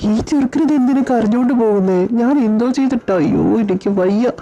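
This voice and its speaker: A woman's voice: fairly high pitch, a little fast, warm tone, muffled recording, lightly acted. A woman voicing anxious young men bantering and pleading with friends in a fan audio drama. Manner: pleading, exasperated chatter.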